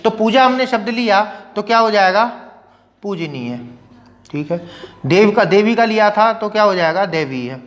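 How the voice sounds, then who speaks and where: Guy teaching grammar, kinda high voice, keeps saying okay, echoey room. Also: expressive, normal speed, a bit bright. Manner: asks questions and answers them himself, repeats "ठीक है" constantly. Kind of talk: classroom lecture.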